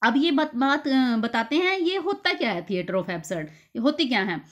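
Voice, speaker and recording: A woman teacher explaining literature terms for an exam, slowly repeating key terms. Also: high voice, sing-song. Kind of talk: exam-prep lecture.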